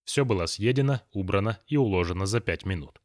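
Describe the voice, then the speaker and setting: A man narrating an audiobook in an even, ironic storytelling manner. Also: fairly low pitch, fairly quick, no echo, clean studio sound.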